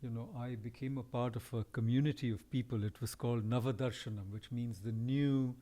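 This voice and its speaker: Male podcast host, mellow timbre, reflective and discursive, gently challenging. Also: medium pitch, steady tone, brisk. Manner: discursive, thoughtful, pushes back gently. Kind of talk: reflective conversation.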